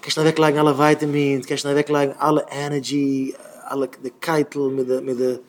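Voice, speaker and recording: Emphatic rabbi with a raised voice. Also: male voice, a little high, monotone, a little fast. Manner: emphatic, repeats phrases in rising bursts. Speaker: rabbi giving a talk.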